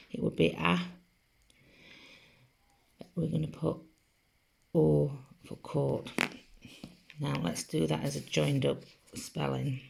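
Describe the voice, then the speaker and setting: A woman's voice: deep voice, vocal fry, a little mellow, slightly rough. A woman teaching a spelling lesson to children, patiently sounding out each letter. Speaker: primary school teacher.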